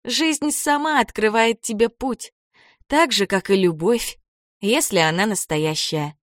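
A woman voicing a gentle, dreamy young woman. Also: medium pitch, unhurried, no room sound, studio quality, pitched above the performer's own voice, natural voice.

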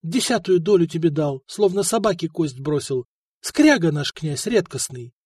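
A man voicing a plump, greedy, quarrelsome young wife who is shrill and spiteful. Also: expressive, normal speed, darkish tone, breathy edge, dry recording, clean studio sound. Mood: grumbling.

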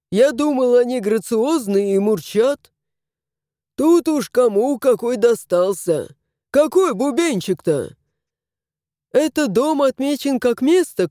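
A woman's voice: a little high, no echo, clean studio sound, voice pushed up. A woman doing a fussy, polite male stork. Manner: fussy, excitable exclamations.

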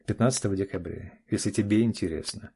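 A man's voice: on the low side, quick pace, mellow, husky. A man voicing a firm, self-assured middle-aged father in an audiobook, speaking curtly and clipped. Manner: curt and clipped. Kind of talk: audiobook character voice.

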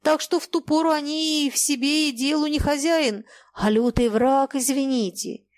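A woman's voice: high-pitched, fairly even intonation, normal speed, no echo, pitched above the performer's own voice, lightly acted. A woman voicing a guilt-ridden river captain who speaks in a deferential, plodding folksy way. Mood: sighing. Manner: deferential, plodding, apologetic common speech.

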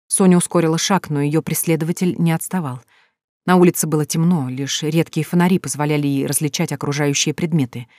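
Thriller audiobook reader, measured and tense, dry close recording, mid pitch. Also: fairly even intonation, a little mellow, no echo.

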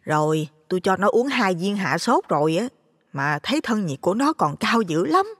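Storybook role: man doing a brisk, high falsetto village mother, blunt and worried, with a long reverb. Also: very animated, fairly bright tone, slightly rough, clean studio sound, exaggerated voice.

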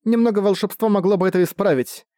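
Brief: man putting on a high, pleading, manipulative woman villain for an audiobook; persuasive and urgent. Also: fast talker, dark tone, no echo, studio quality, natural voice. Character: manipulative, desperate female villain, charming. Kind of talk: audiobook reading.

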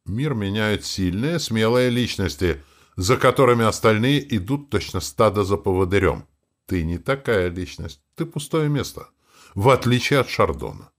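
A bearded old man of an eerie forest, put on by an audiobook narrator, lecturing with blunt contempt. The voice sits low yet swings widely in pitch, often rising and swelling louder as he scolds. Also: lively intonation, moderate pace. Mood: scornful.

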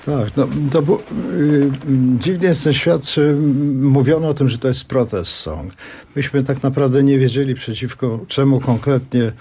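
A man's voice: medium pitch, normal speed, warm tone, slightly rough. A man, a guest musician on a radio show, recalling things hesitantly with many fillers. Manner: hesitant, full of fillers, reflective. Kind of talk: radio interview.

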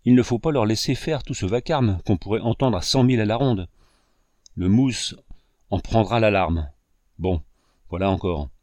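A bossy old-school brigadier , as a man reading a storybook puts him on. He barks his orders in a low voice, and the dry recording keeps every word close. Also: moderate pace, long pauses, darkish tone, no echo, lightly acted. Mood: scolding. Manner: barking orders. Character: gruff male army brigadier, bossy.

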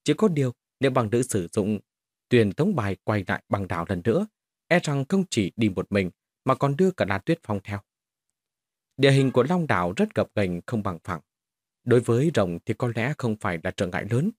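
A man's voice: mid-range voice, big pitch swings, moderate pace, no room sound, studio quality. A man reading a fantasy novel aloud as scripted audiobook narration.

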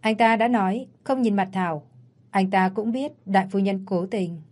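A woman narrating a scripted audio story in a steady storytelling manner. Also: medium pitch, normal speed.

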